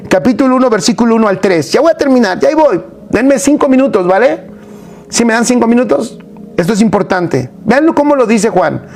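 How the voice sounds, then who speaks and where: A man preaching a sermon in an animated, emphatic way, full of rhetorical questions. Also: extremely high pitch.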